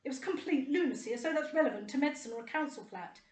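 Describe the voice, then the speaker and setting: A middle-aged woman talks straight to camera in a high voice. Her delivery is indignant and rambling, with a sarcastic edge. The recording carries a roomy echo. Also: animated, very fast, darkish tone. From United Kingdom. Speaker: vlogger. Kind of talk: personal monologue to camera.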